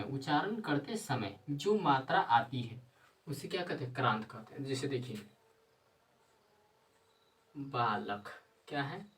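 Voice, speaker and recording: A man teaching a grammar lesson, repeating himself and answering his own questions, sometimes dictating slowly word by word. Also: medium pitch, far from the mic, poor audio.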